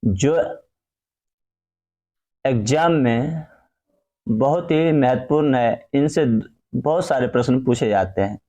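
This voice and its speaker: A man's voice: medium pitch, takes it slowly, long pauses, dark tone. A male teacher, explaining a lesson step by step in an online class and repeating key phrases.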